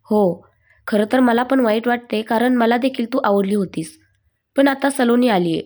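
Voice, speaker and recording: A man's voice: very high-pitched, moderate pace, darkish tone. A woman voicing an angry young husband who speaks in curt, snapping bursts, in a storybook reading. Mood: tense.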